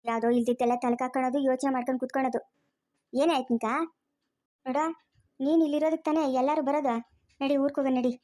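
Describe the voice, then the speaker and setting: A woman playing a sharp-tongued grandmother who scolds her daughter-in-law, speaking rural Chikkaballapur Kannada. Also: sits high, steady tone, natural voice. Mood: scolding. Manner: scolding, rapid and raised. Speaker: grandmother character. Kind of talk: family drama acting.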